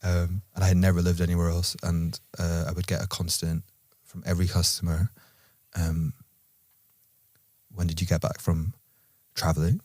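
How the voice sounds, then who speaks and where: A low-pitched man with an Edinburgh Scottish accent talks in a relaxed podcast conversation. His delivery moves between dry, teasing jokes and careful, measured reflection. The sound is close and dry, with no room around it. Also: no echo. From Scotland. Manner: playful, dry teasing humor; thoughtful, measured when explaining.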